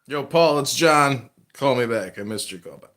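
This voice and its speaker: A man leaves a quick voicemail for a friend, with a short greeting and a request to call back. His voice sits at an ordinary middle pitch. He sounds offhand and casual. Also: animated, background noise. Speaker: live audio room host. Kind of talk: leaving a voicemail on a phone call.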